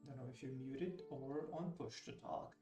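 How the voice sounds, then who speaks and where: A man narrating as game master of a tabletop game, hesitant and pausing often as he addresses the players. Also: medium pitch, vocal fry. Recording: roomy, distant microphone, music behind.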